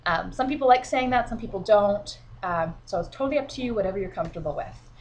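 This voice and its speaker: In a casual how-to vlog recorded at home with her kids next to her, a woman with a slight cold and sniffles encourages her sales team. She talks fast in an expressive, medium-pitched voice, chatty and filler-heavy. There's a little hiss or hum.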